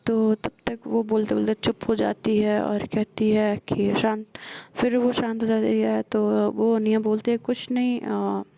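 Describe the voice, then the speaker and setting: A woman's voice: medium pitch, level tone, unhurried, gravelly, mellow, no echo. A woman casually retelling a romance story, quoting the characters' dialogue with many hesitations. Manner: retells scenes with quoted dialogue, frequent hesitations.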